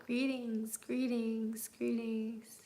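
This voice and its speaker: Over poor audio, a woman in her thirties chats easily on a livestream, reading and responding to viewers' comments. Her fairly high voice has a dark tone and little pitch movement, and she speaks extremely slowly.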